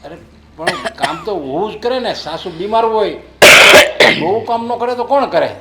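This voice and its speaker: A man's voice: high-pitched, huge pitch swings, measured pace, echoey room, very noisy, exaggerated voice. An actor playing a blunt, superstitious father-in-law who scolds his family, in a short drama. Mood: stern. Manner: scolding, lecturing.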